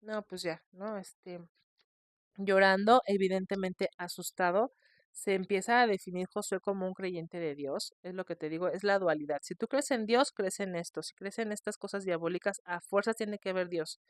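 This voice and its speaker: A woman hosting a podcast, telling a scary case in a chatty, expressive way. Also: mid-range voice, normal speed, dry recording, studio quality. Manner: chatty, expressive, shrieks in mock fright. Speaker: podcast host. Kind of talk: casual storytelling.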